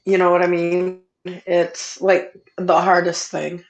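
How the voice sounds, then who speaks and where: A middle-aged woman talks casually in a squeaky, stuffed-up voice, as if through a sinus cold. Her pitch sits a little low for a woman, and she chats informally as a livestream guest. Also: completely flat delivery, slow pace, lo-fi sound. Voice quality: squeaky, congested voice from a sinus infection. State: congested with a sinus infection. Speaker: livestream guest chatting with viewers. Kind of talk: casual chat.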